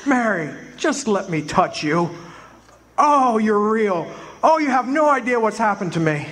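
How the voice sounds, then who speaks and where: Here the George Bailey actor from a live community radio play speaks in a high-pitched voice at a measured pace. He plays the husband and father as overjoyed and breathless, bursting with excitement.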